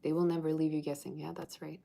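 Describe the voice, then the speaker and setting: Deep, gravelly, and mellow, with little pitch movement and a quick pace, this Russian tarot reader chats and teases on a livestream, reading viewer comments aloud and breaking into bits of old songs.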